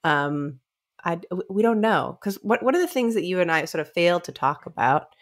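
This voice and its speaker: Here the same kind of co-host, a woman with a lowish voice, is expressive and a little fast as she chats informally about a novel, voicing the characters' lines. She's in a small indoor room on a remote video call, close to a studio microphone.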